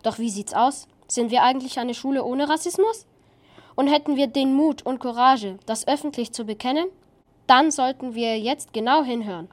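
A woman presents a school news piece from a script, earnest and questioning. Her voice is slightly high.

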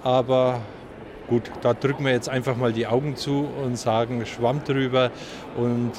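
A man, a school head, giving a short interview statement in a relaxed, folksy way. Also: mid-range voice, a little slow. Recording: noisy on-location recording.

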